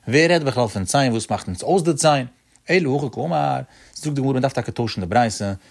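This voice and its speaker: A man's voice: medium pitch, animated, brisk, creaky. A man teaching a religious law lesson, posing rhetorical questions in a rising, sing-song study cadence.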